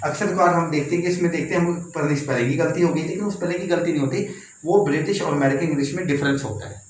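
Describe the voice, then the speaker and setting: A man's voice: on the high side, fast. A man explaining English spelling and pronunciation to learners, spelling words out letter by letter and repeating his points. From Pakistan. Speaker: English teacher. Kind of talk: classroom-style explanation. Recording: echoey room, faint background noise.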